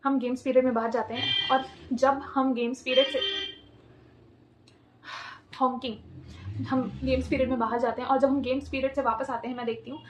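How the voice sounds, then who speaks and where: A woman's voice: sits high, normal speed, pauses often, a little hiss or hum. A young woman casually telling a school storytime, switching between Hindi and English and acting out what people said. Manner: animated, mixing Hindi and English, acting out quotes.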